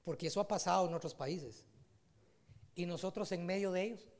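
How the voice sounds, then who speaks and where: Gravelly-voiced man preaching a sermon. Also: high-pitched, fairly quick. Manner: animated preaching, rising to loud emphatic peaks.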